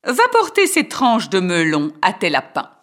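A man's voice: sits high, huge pitch swings, a little slow, fairly bright tone, voice pushed up, heavily acted. A man voicing a stern, cold mother who gives curt orders to her children. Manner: curt, bossy.

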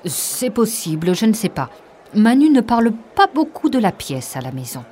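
A woman's voice: a little high, big pitch swings, moderate pace, darkish tone, slight background noise, pitched above the performer's own voice. A woman playing a worried, chatty mother. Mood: concerned.

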